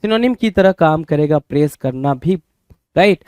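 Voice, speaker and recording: High-voiced teacher, dry close sound. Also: male voice, animated, normal speed, darkish tone, smooth, no room sound. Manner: repeats questions to the class, addresses viewers as bhai. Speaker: vocabulary teacher. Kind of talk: Hinglish exam-prep lesson.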